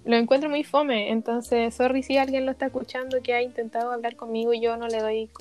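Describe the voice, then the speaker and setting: A young Chilean woman tells stories in loose, slangy podcast chat. Her voice sits fairly high, and it leaps up and down as she acts out what people said. She talks fast and casually. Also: flat delivery, a little mellow. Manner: acts out quotes with big pitch jumps, slangy. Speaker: podcast co-host.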